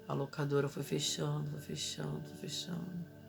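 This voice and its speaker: A woman's voice: low voice, level tone, moderate pace, creaky, over music. A woman in her thirties telling an emotional personal story as a mother, urgently reliving her own desperate cries for help.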